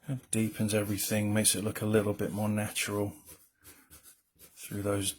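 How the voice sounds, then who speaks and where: A man with a low, mumbling voice rambles casually while drawing on a livestream as a comic colorist, tossing in self-deprecating remarks. His delivery is monotone at a normal speed, with slight background noise.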